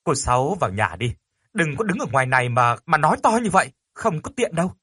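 A man's voice: on the high side, big pitch swings, quick pace, bright, forceful tone, husky, no room sound, clean studio sound, pitched above the performer's own voice, exaggerated voice. A man voicing a frightened young widow who pleads with her neighbor, in an audio ghost story. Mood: agitated.

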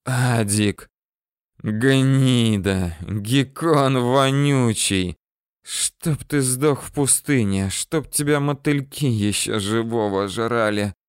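A desperate, vicious bandit leader, as a male reader puts him on, shrieking high and loud at his men and then hissing hoarse curses. The voice stays smooth and dry in the recording, with the delivery drawn out slowly. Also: no echo. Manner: screaming orders, then wheezing curses. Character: desperate wounded bandit chief, man, vicious.

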